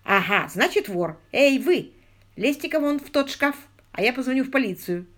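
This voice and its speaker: A woman reads a spiteful shrew with a sarcastic, bossy tongue. Her pitch jumps high and sharp. It is a comic audiobook. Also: expressive, moderate pace. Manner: sarcastic, domineering.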